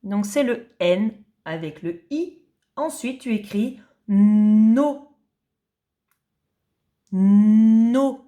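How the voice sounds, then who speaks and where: A woman teaching young children to read in French, spelling out syllables slowly and distinctly, patient and repeating each sound. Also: mid-range voice, animated, warm tone. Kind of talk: slow reading lesson for young children.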